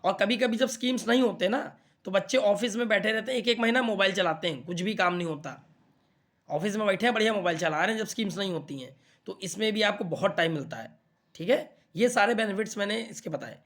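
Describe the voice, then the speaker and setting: Man, young adult, high-pitched, casual teacher, chatty, checks understanding. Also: animated, fast, fairly bright tone. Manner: chatty, repeats "theek hai na" to check understanding. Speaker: exam coaching teacher. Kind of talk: casual explainer talk to students.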